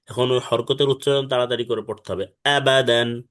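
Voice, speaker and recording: A man of middle pitch teaches patiently over an online call. He corrects gently and stretches out syllables to demonstrate them. He keeps a calm, steady way of talking. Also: brisk. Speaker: Quran reading teacher. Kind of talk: online tutoring. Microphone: online video call.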